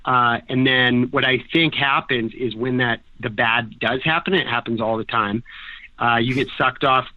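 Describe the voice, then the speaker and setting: A man's voice: medium pitch, normal speed, no echo. A man from Canada, in his thirties, telling rambling, jokey stories in casual podcast talk. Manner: animated, jokey, rambling storyteller. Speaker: guest snowboarder. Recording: dry, tinny phone-like audio.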